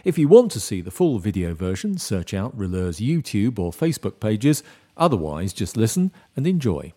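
Male announcer, lowish warm voice, animated and wry scripted delivery. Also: normal speed, husky. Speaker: podcast announcer. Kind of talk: scripted introduction.

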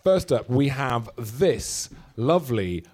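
A man from Monmouth in Wales hosting a comic game show with casual, excitable, joking banter. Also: mid-range voice, slow, slightly rough.

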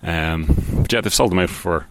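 Very deep-voiced man rambling hesitantly. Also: normal speed, fairly bright tone, a little hiss or hum. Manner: rambling, hesitant, many ums and restarts; offhand and self-deprecating. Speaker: podcast host. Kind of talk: casual solo podcast about cars.

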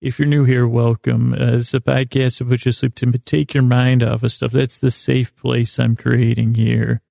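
This male podcast host has a mid-range voice, heavily creaky and gravelly, with a flat, narrow melody. Meandering through a sleep-podcast monologue, he halts, doubles back, pokes fun at himself, and often loses his thread. The recording is close and dry.

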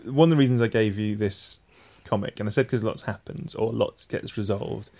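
A man's voice: on the low side, normal speed, darkish tone. Man explaining comics, muffled audio. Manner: explanatory, patient. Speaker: podcast host. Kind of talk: casual chat.

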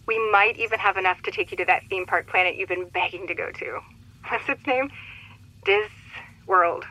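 A woman playing a young mother who pilots a cargo starship, talking warmly and apologetically in a recorded message. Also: medium pitch, moderate pace, rough recording. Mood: apologetic. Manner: warm and apologetic.

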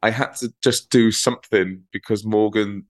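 A man's voice: on the low side, fairly even intonation, normal speed. A man with a Welsh Valleys accent chatting casually as a comic interview guest, telling jokey, self-deprecating anecdotes. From South Wales Valleys. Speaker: comedian guest.

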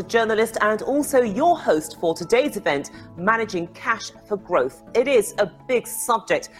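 A woman hosting a business webinar, introducing speakers with light joking asides. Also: mid-range voice. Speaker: host.

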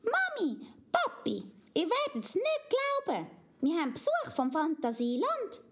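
A small stubborn princess chatters eagerly in a very high, bouncing voice with a Swiss German accent, as a woman puts her on in a storybook. She pleads and insists, swinging up and down with every phrase. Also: huge pitch swings, unhurried, full character voice. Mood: pleading. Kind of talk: storybook reading.

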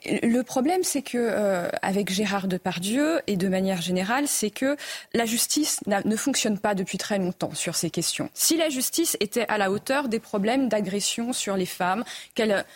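A woman on a debate panel making her argument firmly and deliberately. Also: medium pitch, animated. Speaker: panel guest. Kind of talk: debate talk show.

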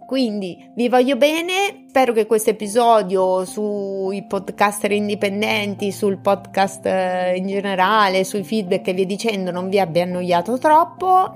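Chatty woman podcaster over soft music. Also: medium pitch. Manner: chatty, informal, affectionate toward listeners. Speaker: podcast host. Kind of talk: casual solo podcast monologue.

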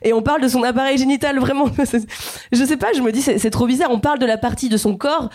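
A woman's voice: high-pitched, fast talker, a little mellow. A woman in her thirties from Guadeloupe, performing a playful, chatty stand-up set and talking directly to the audience. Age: 30s. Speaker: stand-up comedian. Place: comedy stage.

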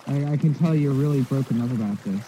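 Dark-voiced joking host man. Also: medium pitch, quick pace, a little hiss or hum, poor audio. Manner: joking, playfully indignant. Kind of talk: in-character role-play chat.

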